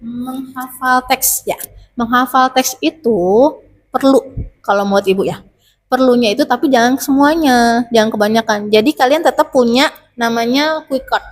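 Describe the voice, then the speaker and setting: A woman's voice: fairly high pitch, normal speed. Chatty woman teacher giving tips. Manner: chatty, gives tips with many rhetorical questions. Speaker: teacher interviewed about public speaking. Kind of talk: casual advice to students.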